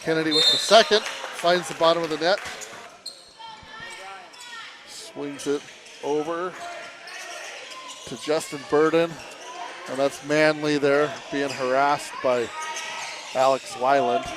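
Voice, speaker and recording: A man doing live play-by-play commentary on a basketball game. He calls the action briskly and rises into shouts on the big plays. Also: a little high, fairly even intonation. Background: basketball game noise.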